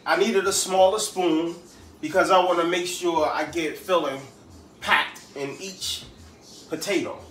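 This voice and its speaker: A man's voice: on the high side, steady tone, a little slow, fairly bright tone. Slangy, chatty cooking-show man. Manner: slangy, chatty, talks to viewers as he cooks. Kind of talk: casual cooking demo.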